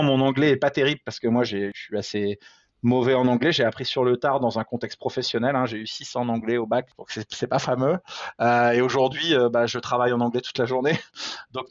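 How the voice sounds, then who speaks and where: A man's voice: medium pitch, no room sound. Man, interview guest, hesitant, many fillers, self-deprecating, slightly lo-fi, dry. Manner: self-deprecating, laughs at himself. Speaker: interview guest, father in a blended family. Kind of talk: casual conversational interview. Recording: slightly dull lo-fi sound.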